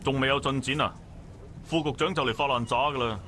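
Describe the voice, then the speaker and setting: A man's voice: medium pitch, quick pace, sharp tone, slight background noise, close to an everyday voice. A man voicing a curt police boss. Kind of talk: visual novel voice acting.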